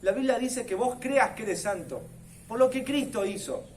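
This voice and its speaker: A man's voice: very high voice, moderate pace, a little mellow, roomy sound, distant mic, a little hiss or hum. A man with a Rioplatense Spanish accent preaching a sermon as pastor, earnestly putting questions straight to his listeners. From Argentina.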